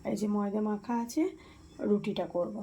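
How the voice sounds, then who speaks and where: A young woman with a Bengali accent, chatting casually to her viewers in a daily vlog and speaking softly and hushed in the early morning. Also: mid-range voice, fairly even intonation, normal speed, lo-fi sound. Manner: chatty, addresses viewers directly. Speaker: vlogger. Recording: faint background noise, crickets.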